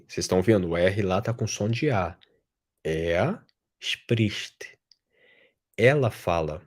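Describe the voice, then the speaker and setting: Man, very slow drill pace, low voice, German teacher, repeats each form twice. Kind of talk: live online lesson, conjugation drills.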